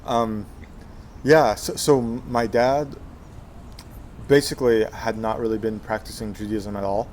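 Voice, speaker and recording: Hesitant young man, lowish voice. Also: fairly even intonation, slow pace, pauses often, a little mellow, slight background noise. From Texas, USA. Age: 20s. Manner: hesitant, many fillers and restarts. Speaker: interview guest. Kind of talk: casual life-story interview.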